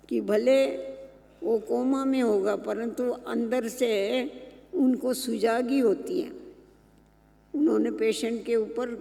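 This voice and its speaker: Slow, mellow spiritual teacher, man, very high and gravelly, echoing hall. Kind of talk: reading and explaining a spiritual text. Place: meditation centre hall.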